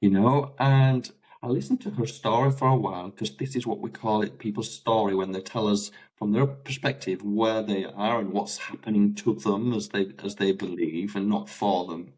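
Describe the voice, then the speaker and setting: An English life coach with a British accent tells stories in casual conversation, his voice lowish and his pace moderate. He's animated, acting out quoted dialogue with laughs. The recording is rough.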